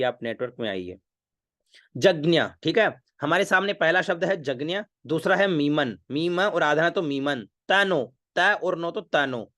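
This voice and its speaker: A man teaching Vedic chanting in an online class, patiently repeating each syllable slowly and correcting pronunciation over a video call. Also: fairly high pitch, fairly bright tone.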